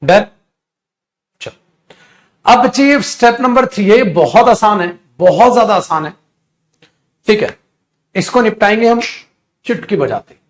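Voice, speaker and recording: A middle-aged man with an Indian accent teaching a live online English grammar class, dictating sentences slowly and then correcting the students quickly and fondly. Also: high voice, expressive.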